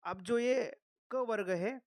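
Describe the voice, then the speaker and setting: A teacher giving a patient spoken lesson, saying each sound slowly and often checking in with the listener. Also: medium pitch, no room sound, studio quality. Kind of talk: explanatory lesson.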